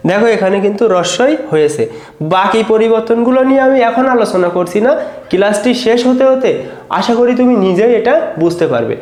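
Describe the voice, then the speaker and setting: A man's voice: sits high, expressive, fairly quick, darkish tone, reverberant. A man teaching an exam-prep grammar lesson. He explains patiently, step by step, and keeps telling students to look.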